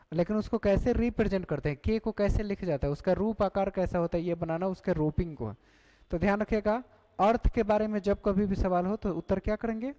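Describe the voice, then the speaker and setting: High-voiced male teacher quizzing his class. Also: dark tone, poor audio. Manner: questioning the class, repeating key points. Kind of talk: exam-prep class lecture.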